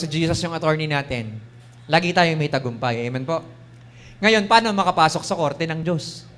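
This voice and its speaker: A man's voice: on the high side, fairly bright tone. A man with a Filipino accent preaching a sermon in a conversational mix of languages, acting out the devil's taunts. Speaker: bishop preaching.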